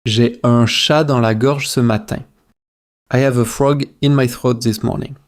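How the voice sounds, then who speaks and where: A man with a medium-pitched, steady voice works as a teacher, reading language drills one phrase at a time in a measured, repetitive way so learners can shadow him.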